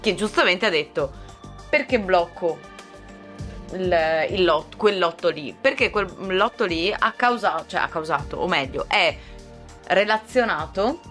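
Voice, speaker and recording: Low-voiced woman explaining calmly. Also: a little slow, soft background music. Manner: explanatory, methodical, checks in with "ok?". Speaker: podcast co-host. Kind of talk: casual podcast discussion.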